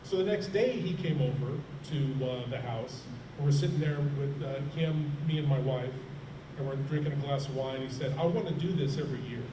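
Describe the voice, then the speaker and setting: A man's voice: mid-range voice, fairly quick. A middle-aged man, a horror host, chatting and telling anecdotes on a convention panel. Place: large room at a convention, panel. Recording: roomy, distant, noisy convention hall recording.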